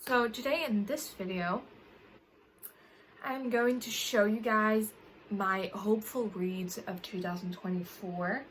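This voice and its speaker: A young woman talks casually to camera as a book vlogger. She rambles, fills pauses with ums and corrects herself mid-sentence. Her pitch sits in an ordinary middle range for a woman. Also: fairly even intonation, fairly bright tone, a little hiss or hum, rough recording. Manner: rambling, with frequent self-corrections and fillers.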